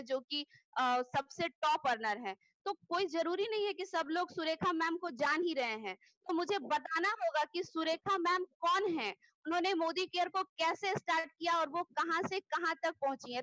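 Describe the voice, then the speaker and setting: High-voiced woman giving an online training talk. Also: fairly bright tone, dry recording, poor audio. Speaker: network marketing trainer. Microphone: video call.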